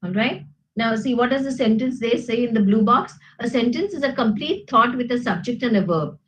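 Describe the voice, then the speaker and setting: A woman's voice: a little high, expressive, brisk, poor audio. A woman with an Indian English accent, teaching a grammar class and checking understanding with frequent "okay?" and "isn't it?". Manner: explains patiently, asks "okay?" and "isn't it?" often.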